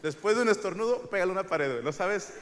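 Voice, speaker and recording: A middle-aged Mexican man rambles through a crude, self-mocking stand-up set and now and then breaks into loud shouts. His voice sits a little high for a man. The live recording carries plenty of background noise. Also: lively intonation, quick pace, big-room sound. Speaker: stand-up comedian. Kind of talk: stand-up comedy monologue. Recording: noisy live stage recording. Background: audience laughter.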